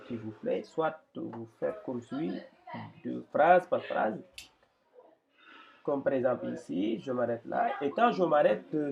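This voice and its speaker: A man's voice: medium pitch, creaky, muffled recording, a little hiss or hum. A man teaching Quran reading in an explanatory lesson, patient and hesitant, often repeating words as he points things out.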